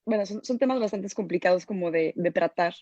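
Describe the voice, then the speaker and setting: A woman's voice: lowish voice, brisk, darkish tone, no room sound. A Mexican woman speaking as a guest in an online panel discussion, hesitant with many fillers. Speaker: guest, journalist. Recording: dull, dry sound.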